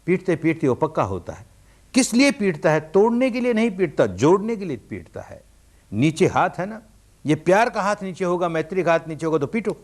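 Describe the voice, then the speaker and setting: A man's voice: fairly high pitch, darkish tone. Earnest man giving a meditation discourse. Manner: earnest, rising and falling emphasis with frequent rhetorical questions. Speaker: meditation teacher. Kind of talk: dharma discourse.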